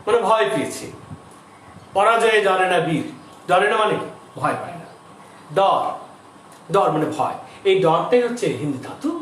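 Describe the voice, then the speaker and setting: A middle-aged man teaching a grammar lesson to school students, explaining slowly, repeating terms and asking the class questions. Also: sits high. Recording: distant, echoey room with faint noise.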